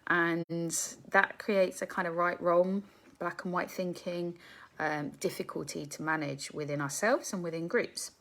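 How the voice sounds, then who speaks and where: A woman of around forty speaks in a low voice with a gravelly fry. She is a psychotherapist hosting a casual live stream. She thinks aloud, full of ums and questions put to her viewers. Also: steady tone, a little slow, a bit bright.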